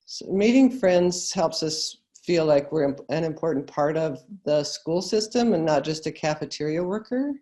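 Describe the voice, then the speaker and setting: An American woman with a croaky frog voice, giving a webinar presentation as a guest speaker. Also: deep voice, expressive, normal speed, few pauses, mellow. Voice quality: croaky, froggy voice. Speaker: guest presenter, school food service director. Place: remote online webinar.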